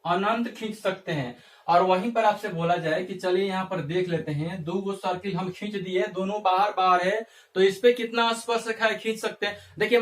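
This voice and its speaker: A male teacher giving a math lesson, asking the class questions and answering them himself, repeating phrases as he coaxes them along. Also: high voice. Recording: echoey room, mic far off.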